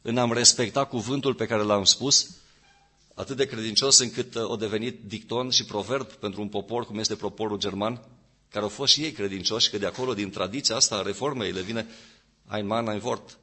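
A man preaches in with a bright, slightly husky voice. He builds to loud, emphatic peaks and then sinks back to a low, steady tone. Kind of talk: sermon.

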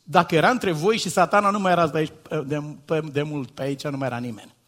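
A man preaching a sermon, asking rhetorical questions and swinging from quiet, low asides to loud, shouted exhortation. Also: lively intonation. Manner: rhetorical questions and repeated paired phrases.

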